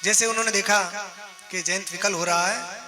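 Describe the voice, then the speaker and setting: A male religious storyteller delivers a devotional story sermon, narrating dramatically and slipping into the characters' voices. His voice sits high. Devotional music plays clearly underneath. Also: fairly even intonation, moderate pace.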